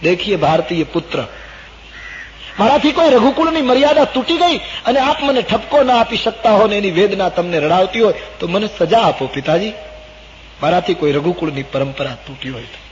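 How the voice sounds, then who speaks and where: A man voicing a young prince, a devoted son who pleads in a high, urgent voice. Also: normal speed, long pauses, a little hiss or hum, lightly acted. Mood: pleading. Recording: dull old recording in a reverberant hall.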